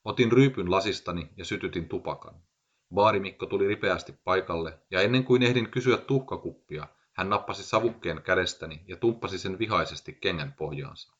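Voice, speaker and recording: A man with a very low voice narrates a short story in a dry, measured, deadpan manner. The recording is muffled and lo-fi, with little brightness at the top. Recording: dull lo-fi recording.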